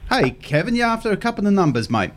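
In a radio studio, a Queensland-accented Australian man hosting a fishing show chats in a friendly, casual way with callers. He has a high, sing-song voice and talks fast.

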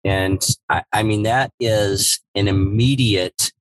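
A man co-hosting a business podcast, telling a story and acting out the dialogue with lively energy. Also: lowish voice, slow, no room sound, rough recording. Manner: animated storyteller who acts out dialogue. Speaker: podcast co-host, former evaluator. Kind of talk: casual storytelling chat.

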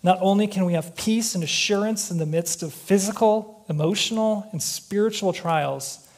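A man preaches in a relaxed, conversational way and breaks into joking personal asides. His speaking voice sits a little higher than most men's. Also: normal speed. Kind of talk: conversational sermon.

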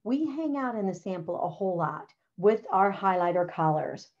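A middle-aged teacher presenting a writing curriculum talks other teachers through a lesson in a medium-pitched, darkish voice with lively intonation at normal speed. Her walkthrough is practical and chatty, full of "all right" and "okay," captured in slightly dull, lo-fi audio.

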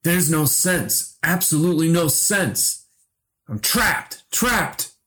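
A man's voice: lively intonation, slow pace, a bit bright. Man voicing a frantic frail old man. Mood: desperate. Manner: strained high cries.

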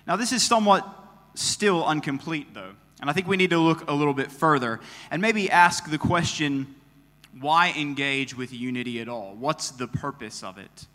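Bright-voiced male preacher in reverberant hall. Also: a little high, normal speed. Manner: explanatory, rhetorical questions. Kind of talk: conversational sermon. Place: church hall, live before a congregation.

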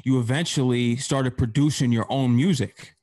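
A man's voice: mid-range voice, moderate pace, a little mellow. A man hosting an interview show, asking questions in an upbeat way and plugging new releases.

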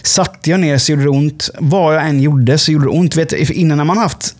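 A young man hosting a podcast, telling a long anecdote in a casual, animated way with plenty of swearing. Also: a little high. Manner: animated, profane, fast-running anecdote. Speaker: podcast host. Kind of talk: casual comedic storytelling.

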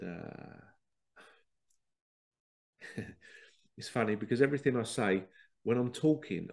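The podcast host has a lowish, darkish voice with vocal fry, made congested by a head cold. His talk is a rambling, casual spiritual monologue full of acted-out quoted exchanges.

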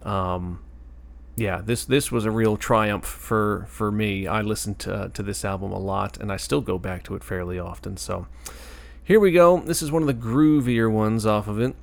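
A man hosting a music show in casual, conversational commentary, his tired, dry-throated voice carrying some vocal fry. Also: fairly low pitch, moderate pace.

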